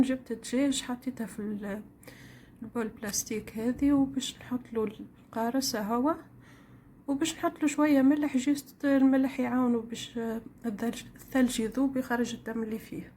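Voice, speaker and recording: A woman's voice: on the high side, mellow, a little hiss or hum. A woman with a Tunisian accent chatting casually to her viewers while she cooks in her home kitchen, telling stories in a rambling way. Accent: Tunisian Arabic. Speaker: home cooking vlogger. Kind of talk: casual chat while cooking.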